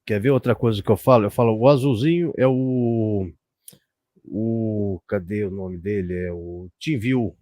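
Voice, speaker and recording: A middle-aged man with a Brazilian Portuguese accent hosts a casual live stream, chatting and reminiscing in a rambling way. His voice is mellow and dark. The sound is dry and close. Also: on the low side, a little slow, dry recording. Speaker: host.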